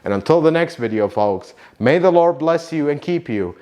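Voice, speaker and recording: At normal speed, a first-language Arabic speaker from Iraq, a car mechanic with a YouTube channel, thanks his audience from the heart. His gratitude sounds earnest and warm, with lively pitch variation.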